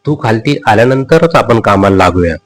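A man voicing a playful, bossy middle-aged mother who coaxes and teases her son in a brisk manner. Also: lowish voice, expressive. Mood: teasing. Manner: coaxing, brisk, hushed at times.

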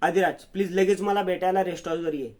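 A man's voice: high-pitched, steady tone, fast, darkish tone, lightly acted. A man voicing an anxious, insistent young woman who keeps pressing with urgent questions.

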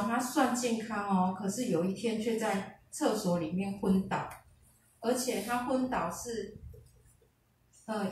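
A woman's voice: mid-range voice, a little mellow, distant mic. Echoey woman telling a story. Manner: retells conversations, switching into quoted dialogue. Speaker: speaker sharing a personal testimony at a seminar. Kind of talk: casual storytelling testimony. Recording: echoey hall picked up from afar, faint hiss.

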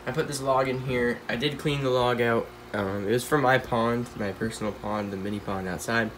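A teenage boy with a stuffy nose hosts a pet channel, rambling casually with plenty of fillers as he films the tanks filling a room at home on a handheld phone. His mid-range voice is fairly bright and moves at a normal speed. A little hiss or hum sits under the audio.

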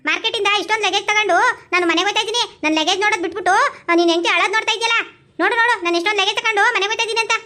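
A meddling old village granny, played by a woman, in a comedy skit, speaking with a Mandya Kannada accent. She rattles off her lines at a breakneck clip in a very high, bright, piercing voice, always egging others on. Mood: scheming. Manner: shrill, rapid, egging others on.

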